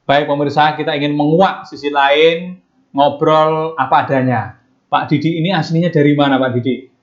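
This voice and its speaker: A man's voice: fairly high pitch, steady tone, normal speed. A man hosting a podcast, greeting viewers formally and asking polite questions. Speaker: podcast host. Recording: dull lo-fi audio.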